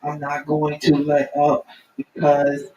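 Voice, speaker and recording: A middle-aged or older woman, hosting a live stream in an earnest, halting, emphatic way. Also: sits low, completely flat delivery, warm tone, dull audio. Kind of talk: informal spoken commentary to viewers. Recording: roomy, distant mic, faint noise.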